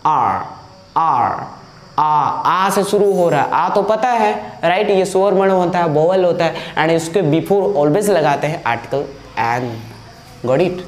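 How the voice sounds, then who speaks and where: A man's voice: high voice, roomy sound. A man teaching an English grammar lesson, repeating words over and over for students to copy and scolding those who don't follow along. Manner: drills pronunciation by repeating words, mixes English into talk. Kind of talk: classroom lecture on video.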